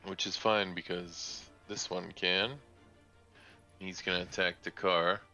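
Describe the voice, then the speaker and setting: Slow, deep-voiced man running the game. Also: flat delivery, pushed and bright, soft background music. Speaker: dungeon master. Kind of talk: running a tabletop game over voice chat.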